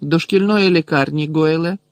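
Audiobook: cold stern professor, read by a male narrator, quiet, clipped. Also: on the high side, moderate pace, clean tone, no room sound, voice pushed up, close to an everyday voice. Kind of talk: audiobook character voice.

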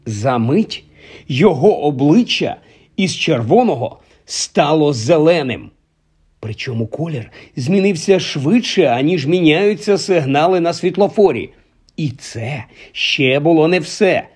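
A man narrating an audiobook with expressive storytelling. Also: a little high, unhurried, breathy edge.

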